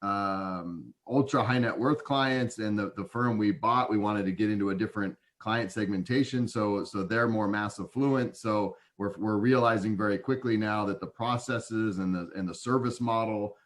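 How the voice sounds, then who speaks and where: A man in his forties with a fairly low voice speaks as a podcast guest. He talks loosely and conversationally, often restarting phrases. Now and then he slips into short acted quotes of frantic clients. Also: moderate pace, few pauses. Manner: chatty, many restarts, acts out clients' voices. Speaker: guest, operations consultant.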